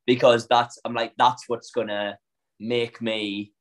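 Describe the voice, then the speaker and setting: A man's voice: mid-range voice, little pitch movement, takes it slowly. A young man with a Northern English accent, an actor chatting casually and reflectively about his work. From Northern England. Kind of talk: casual chat.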